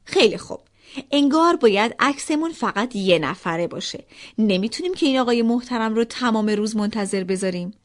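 A woman voicing a gentle, patient mother of two little girls in a children's story. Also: fairly high pitch, lively intonation, close to an everyday voice.

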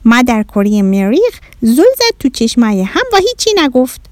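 A woman's voice: on the high side, big pitch swings, no room sound, studio quality, voice pushed up. A woman voicing a curious, mischievous little Martian boy who talks in broken, childlike sentences. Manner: broken ungrammatical speech, childlike wonder.

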